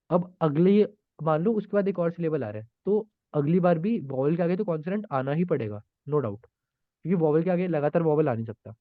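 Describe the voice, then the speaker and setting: Thinking aloud, restarting often, and using many fillers, a programming tutor explains contest solutions live in a fairly high-pitched voice. The audio is dry, narrow, and phone-like.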